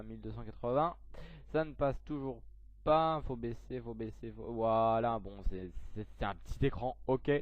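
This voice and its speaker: A young man talking through a software tutorial on his computer, hesitant, with lots of fillers and self-corrections. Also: medium pitch, no echo. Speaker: tech tutorial youtuber. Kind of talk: screen-recorded software tutorial. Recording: dull lo-fi mic, dry.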